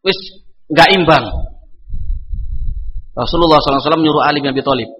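A man's voice: a little high, quick pace. A man, preaching a sermon and telling a story animatedly, acting out the voices of the people in it. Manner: animated, acts out dialogue, mixes in Javanese phrases. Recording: long hall reverb.

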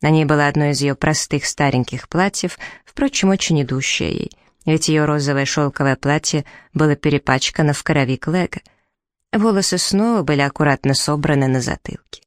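A woman's voice: deep voice, normal speed, dry recording. Woman narrating a novel, dry close sound. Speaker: audiobook narrator. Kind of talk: scripted narration.

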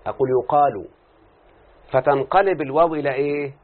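A man's voice: fairly high pitch, brisk. A man with an Egyptian accent teaches a classroom lesson, explaining a text and constantly quizzing his students with short questions. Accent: Egyptian Arabic. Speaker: teacher of Arabic morphology. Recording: tinny phone-like lo-fi recording.

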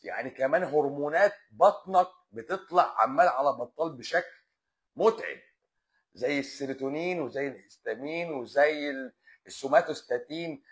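Man, Egyptian accent, rapid delivery, blunt lecturing doctor, casual live-stream chat, medium-pitched voice. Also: fairly bright tone. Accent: Egyptian Arabic. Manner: blunt and lecturing, often exasperated; mixes English medical terms into speech.

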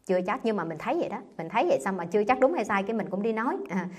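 A woman's voice: medium pitch, animated, rapid-fire, slightly rough, soft background music. A woman, a Buddhist nun giving a conversational dharma talk and quizzing her listeners with rhetorical questions. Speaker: Buddhist nun teaching sutra class. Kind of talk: dharma talk to a live audience.

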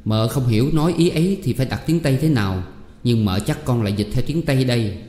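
A man narrating a short story in a calm, even storytelling manner. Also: medium pitch, quick pace. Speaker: audiobook narrator. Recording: reverberant hall with faint music.

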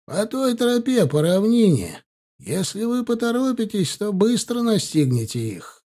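A man's voice: high voice, sing-song, a little slow, warm tone, pitched above the performer's own voice, exaggerated voice. A man voicing a humble old shepherd who implores the riders. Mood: imploring.

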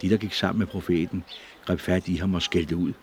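A man narrating a storybook audiobook in a steady, measured way. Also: deep voice. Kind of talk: scripted narration.

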